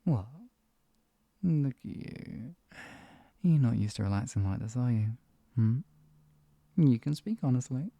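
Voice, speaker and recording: Someone playing a very mellow, soft-spoken hypnotist villain in role-play. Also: medium pitch, expressive, measured pace, creaky, pauses often, no echo. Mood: smug, doting. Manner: soft coaxing murmur slipping into close speaks softly. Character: teasing, possessive villainous hypnotist soothing a captive pet.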